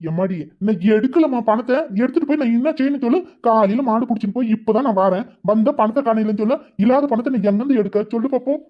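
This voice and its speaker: Brief: a man as a defensive cartoon village father, quick and gruff, muffled recording. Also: very high-pitched. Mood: pleading. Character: middle-aged village father accused of drinking. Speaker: husband. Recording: dull lo-fi sound.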